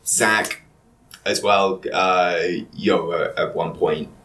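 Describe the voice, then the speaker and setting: A man's voice: low voice, fairly even intonation, slow, bright, forceful tone. A man with a Cambridge English accent hosting a podcast, speaking hesitantly with many fillers and chuckles. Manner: hesitant, many ums and you-knows, chuckles. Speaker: podcast host. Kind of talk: casual podcast chat. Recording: echoey room.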